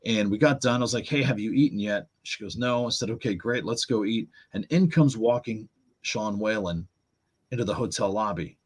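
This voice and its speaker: Low husky man telling stories. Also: normal speed. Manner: animated storyteller, acts out quotes in raised voice. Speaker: podcast guest. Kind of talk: storytelling conversation.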